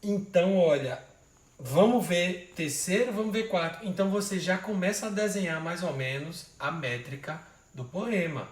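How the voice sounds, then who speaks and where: A male literature teacher with a high, expressive voice gives an informal poetry lesson at normal speed, patiently breaking verses into syllables and counting them out loud. The recording sounds roomy, with a distant mic and faint noise.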